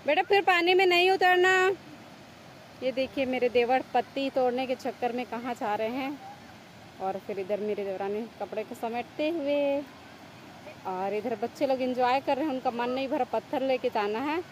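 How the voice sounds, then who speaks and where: A woman's voice: high-pitched, normal speed, a little hiss or hum, rough recording. A woman filming a casual family travel vlog outdoors on a phone held at arm's length, chatting and calling out to the children. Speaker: family vlogger. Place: outdoors at a rocky waterfall.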